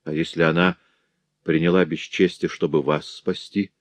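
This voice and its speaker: A man voicing a calm, compassionate gentleman who reassures a grieving father, in an audiobook. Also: lowish voice, normal speed, no room sound, pitched above the performer's own voice. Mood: quiet. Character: calm, compassionate nobleman comforting others. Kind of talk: audiobook character voice.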